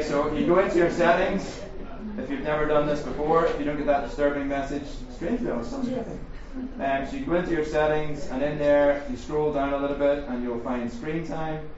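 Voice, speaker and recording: A middle-aged Northern Irish man with a fairly high voice speaks to a live audience at a faith and culture seminar, a crowd audible in the background. His talk is jokey and fast, full of ums and questions to the room. In the large echoey room, the recording sounds roomy, distant, and dull, with faint hiss.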